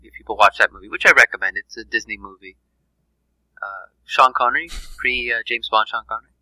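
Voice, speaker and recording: A man joining a casual podcast chat, stopping and restarting as he talks. His voice is very bright and forward, recorded dry and close with no room sound. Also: mid-range voice, dry recording, rough recording. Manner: halting, repeats words, jokey.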